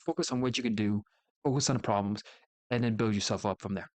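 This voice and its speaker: A man's voice: lowish voice, quick pace, a little mellow, dry recording. Rambling male streamer, close and dry. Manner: rambling, opinionated, trails off and self-corrects. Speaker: VTuber streamer. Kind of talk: casual solo commentary, thinking aloud.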